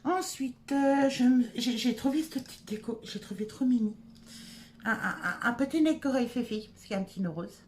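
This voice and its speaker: Chatty woman with a higher voice. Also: animated, moderate pace, darkish tone, a little hiss or hum. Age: adult. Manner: chatty, many hesitations. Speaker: haul vlogger. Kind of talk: casual product haul chat. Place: home.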